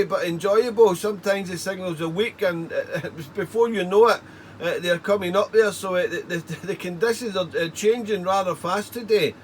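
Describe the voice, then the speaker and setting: A man working as an amateur radio operator chats casually with call signs, rambling in a stop-start way and repeating words. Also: high-pitched. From United Kingdom. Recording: faint steady background noise.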